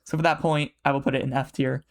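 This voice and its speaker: Fast-rambling young man streamer. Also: mid-range voice, level tone. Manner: fast, rambling, full of fillers and swearing. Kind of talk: casual live-stream chat. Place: bedroom.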